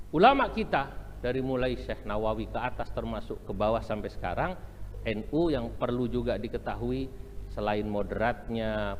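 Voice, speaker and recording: A middle-aged Indonesian Islamic preacher with a lowish voice gives a humorous religious lecture, chanting and singing Arabic phrases and joking about regional accents. The hall is echoey, with faint room ambience and slight background noise.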